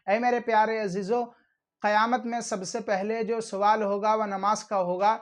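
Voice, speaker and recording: A man giving a religious instruction talk to online viewers, speaking in an earnest, fatherly way with drawn-out fillers. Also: high voice. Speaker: religious video host. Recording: slightly dull lo-fi audio.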